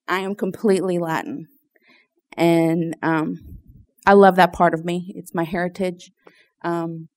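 A woman with a fairly low voice shares an informal personal testimony with a group. She is from Louisiana and speaks hesitantly, often pausing to search for words. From Louisiana, United States. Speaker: church member giving testimony.

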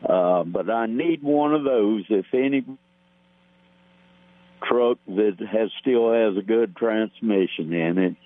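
A man on a narrow, tinny phone line, talking slowly and plainly. He pauses often with small fillers as he lists what he has. A faint mains hum sits under the dry line. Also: lowish voice, no echo. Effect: heard over the phone. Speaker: caller. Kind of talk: call-in classified listing.

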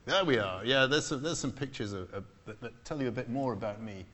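Onstage in an echoey hall with a live audience, a middle-aged astronomer from England who grew up in Scotland fields interview questions. He speaks fairly quickly in a mid-range, fairly bright voice, mildly and hesitantly, with a dry sense of humor.

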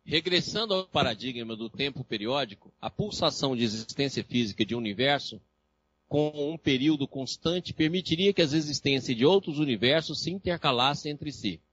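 A man with a Brazilian Portuguese accent giving a live lecture, telling lively stories and acting out the voices of patients. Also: mid-range voice, fairly quick. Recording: dry, slightly dull lecture recording.

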